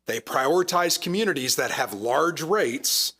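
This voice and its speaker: A hoarse town manager speaks at a council dais, his voice gravelly and husky as it gives out. He explains in an earnest, patient way, with a bright, forceful edge. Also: on the high side, lively intonation, a little slow. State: losing his voice. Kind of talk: presenting at a council meeting. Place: council chamber.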